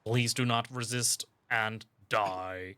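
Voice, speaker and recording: Man doing a flying security drone, robotic monotone, cold, slow, bright tone. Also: on the low side, clear, resonant tone, dry recording. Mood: menacing. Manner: flat robotic voice, slow and deliberate. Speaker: game master.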